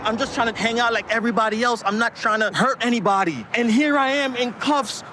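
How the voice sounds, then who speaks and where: A man's voice: very high-pitched, a little fast, bright, forceful tone, a little hiss or hum. A man from Jamaica, a detained driver, pleading and protesting outdoors at a roadside.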